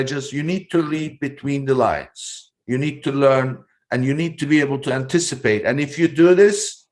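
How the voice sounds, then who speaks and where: Earnest man hosting a podcast. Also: medium pitch. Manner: earnest, repeats words for emphasis. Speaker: podcast host. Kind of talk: interview, giving advice.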